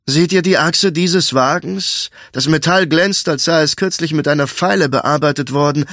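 A man's voice: on the high side, a bit bright, dry recording, clean studio sound. A man doing a cold, menacing thief. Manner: slow, deliberate and threatening, then snapping. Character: cold, menacing male thief, quietly dangerous. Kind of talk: audiobook character voice.

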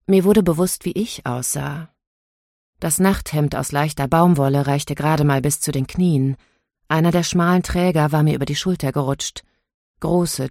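Woman narrator, first-person novel reading, measured and inward, dry close recording. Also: sits low, a little mellow, dry recording. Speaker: audiobook narrator.

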